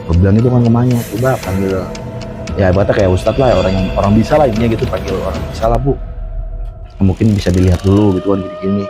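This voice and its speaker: This Jakarta man has a low-pitched voice and talks quickly over music. As a storyteller guest, he recounts a true horror story in casual conversation, playing out the quotes with lots of animation and frequent laughter.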